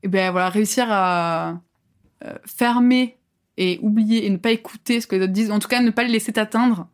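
Brisk and mid-range, a young woman in her twenties guests on a podcast for a relaxed conversation. She fills it with filler words and laughs a lot.

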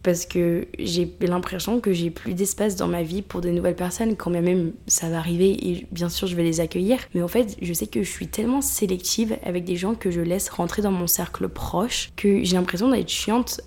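A woman's voice: lowish voice, fairly even intonation, moderate pace, few pauses, mellow. A woman in her twenties hosting a podcast from her apartment, chatting casually and reflectively, slipping between French and English. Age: 20s. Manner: switching between French and English mid-sentence; reflective, confiding. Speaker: podcast host. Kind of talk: casual chat.

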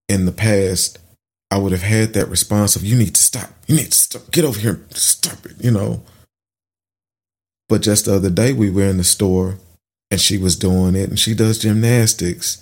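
A middle-aged man hosting a podcast, reflecting earnestly in a thoughtful, halting way, with fillers and restarts. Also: sits low, darkish tone. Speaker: podcast host. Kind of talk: reflective personal monologue.

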